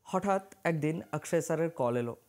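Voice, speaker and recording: Guy from west bengal telling a ghost story, slow dramatic monologue, drops english words in. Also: a little high, expressive, a little mellow. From West Bengal, India. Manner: dramatic, measured delivery mixing English words. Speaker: paranormal investigator and astrologer.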